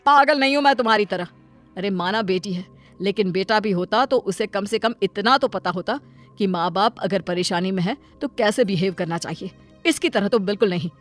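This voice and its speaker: A woman's voice: mid-range voice, soft background music, voice pushed down, natural voice. Woman doing a stern, scolding cartoon father. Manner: scolding, clipped, brisk. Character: stern middle-aged father, blunt and irritated. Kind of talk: Hindi cartoon voice acting.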